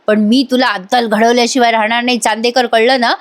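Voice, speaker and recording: A woman's voice: on the high side, little pitch movement, brisk, natural voice. A woman voicing a feisty, stubborn young wife who answers back sharply in a retold serial scene. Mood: defiant. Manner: sharp, defiant.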